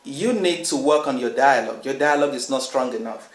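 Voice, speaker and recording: A man's voice: medium pitch, brisk, low-quality recording. A man teaching screenwriting in a casual, rambling way, often checking in with his listeners and restarting his phrases. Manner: repeats "you understand?" often, restarts phrases. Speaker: film writing instructor. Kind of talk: casual instructional talk.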